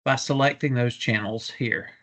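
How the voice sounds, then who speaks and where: A man presenting a software demonstration in a measured, businesslike, explanatory way. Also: mid-range voice, steady tone. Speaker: product demonstrator.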